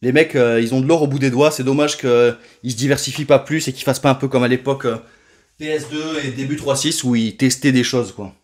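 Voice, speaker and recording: A man's voice: medium pitch, steady tone, fast talker. A man casually presenting his new retro video game purchases, talking loosely with many fillers and restarts. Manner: chatty, many fillers and self-corrections. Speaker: retro game collector, channel host. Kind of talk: casual collection showcase vlog.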